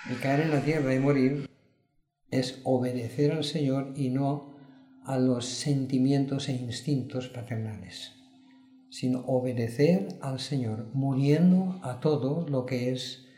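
A man's voice: mid-range voice, dark tone, roomy sound. A man preaching a sermon, earnest and questioning, rising to emphatic peaks.

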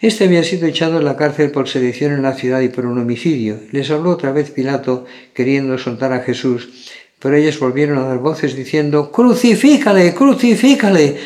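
A man reading Bible passages aloud in a measured way, raising his voice on the quoted cries. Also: mid-range voice, fairly even intonation, darkish tone. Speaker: scripture reader.

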